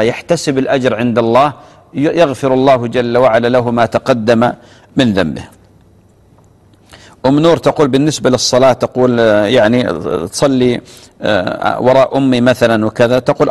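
A man's voice: medium pitch, long reverb tail. A man, a religious scholar on live TV reading out viewers' questions and answering them, often repeating his key phrases. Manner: reads out callers' questions, then answers with gentle repetition. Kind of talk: live TV fatwa Q&A. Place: television studio.

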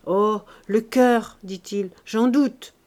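An older country doctor and former navy surgeon in an audiobook novel, blunt and weathered but gentle underneath. He reassures in a measured, patient way, as a woman reading aloud puts him on. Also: on the high side, lightly acted. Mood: reassuring. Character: older male doctor, gruff but kindly.

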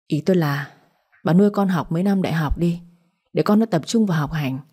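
A woman's voice: low-pitched, brisk, warm tone, breathy edge. A woman voicing a middle-aged father who pleads and reproaches his wife. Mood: pleading. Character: aggrieved middle-aged father, patient then angry.

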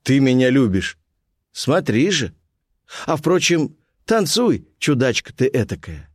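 A man playing an eager, impatient nineteenth-century officer who speaks in quick exclamations. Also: medium pitch, sing-song, darkish tone, breathy edge, dry recording, studio quality, voice pushed up.

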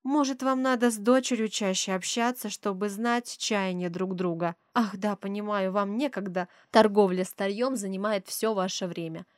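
A woman voicing a gentle, wealthy young mother who speaks softly and soothingly, with a sly edge, in an audiobook. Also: a little high, animated, moderate pace, dry recording, clean studio sound, voice pushed up, close to an everyday voice. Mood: composed. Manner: soft and soothing, with a biting edge. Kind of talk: audiobook character voice.

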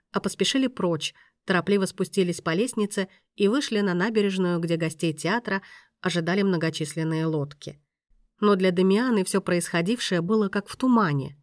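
A woman reading a novel aloud in an even, measured storytelling voice. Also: lowish voice, no room sound, studio quality. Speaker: audiobook narrator. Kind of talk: scripted narration.

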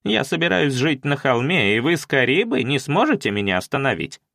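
Мужчина озвучивает упрямую старую деревенскую женщину, которая насмешливо и с вызовом спорит с вождём и знахарем. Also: male voice, mid-range voice, sing-song, brisk, creaky, fairly bright tone, no room sound, studio quality, exaggerated voice. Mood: defiant. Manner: mocking, defiant. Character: stubborn defiant old village woman.

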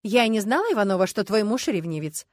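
Woman reading a calm, composed woman. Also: medium pitch, quick pace, dry recording, close to an everyday voice. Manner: steady, level, earnest. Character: calm, composed grown woman, serious, principled.

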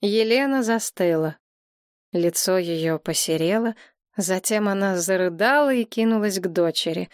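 A woman's voice: mid-range voice, unhurried, no room sound. Woman narrating an audiobook, dry and close. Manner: even, steady storytelling.

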